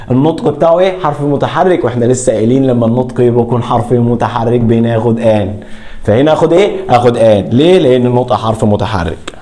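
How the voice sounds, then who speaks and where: A man with an Egyptian Arabic accent teaching an English grammar lesson. He asks questions and answers them himself, and stretches words out slowly. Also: mid-range voice, dark tone.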